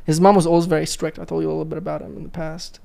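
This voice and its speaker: A man hosting a podcast in casual chat, blunt and quick, swearing freely. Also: on the high side, level tone, vocal fry, dark tone. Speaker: podcast host.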